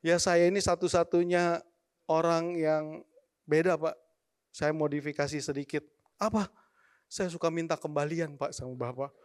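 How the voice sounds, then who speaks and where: Brief: man in his forties, church testimony, animated storyteller, speaks to the crowd directly. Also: fairly high pitch, normal speed, long pauses, clear, resonant tone.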